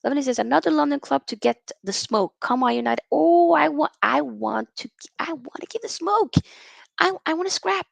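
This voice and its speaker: A young Norwegian woman hosts a casual football livestream, chatting with viewers and reading their comments aloud. Her voice sits high, animated and at normal speed with vocal fry, and there is no room sound.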